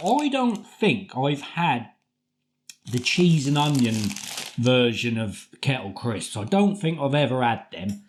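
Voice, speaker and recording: A middle-aged British man with a medium-pitched voice reviews food casually to camera in his home kitchen. His manner is informal, chatty, and colloquial, captured by a camera across the table with slight background noise.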